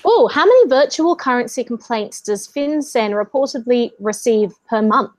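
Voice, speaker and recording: A woman with a high voice works as a quiz host. She is casual and playful, moving between reading questions and chatting. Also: lively intonation, normal speed, a little mellow, dry recording.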